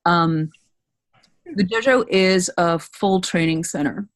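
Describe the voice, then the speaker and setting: In a dry recording, a woman speaks slowly in a lowish voice. She hosts a relaxed webinar as a voice-over coach, covering her training program and handling a Q&A. Encouraging by nature, she tends to repeat things for emphasis.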